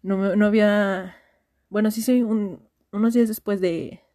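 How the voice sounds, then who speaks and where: A woman's voice: mid-range voice, fairly even intonation, moderate pace, warm tone. A young woman with a Mexican accent, telling a friend a long personal story in a casual, slangy, rambling voice message. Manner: rambling, slangy, frequent restarts and fillers.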